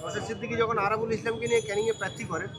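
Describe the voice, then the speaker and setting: A man reporting on the street, putting brisk, probing questions to a politician. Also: sits high, flat delivery. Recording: loud crowd noise outdoors.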